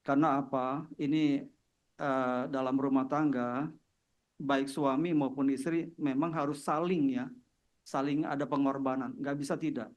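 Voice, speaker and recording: A male pastor speaking in a relaxed, folksy way, tagging his sentences with little "ya" fillers as he answers questions. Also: medium pitch, measured pace, long pauses. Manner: folksy, chatty, with frequent "ya" tags. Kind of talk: casual church talk answering questions.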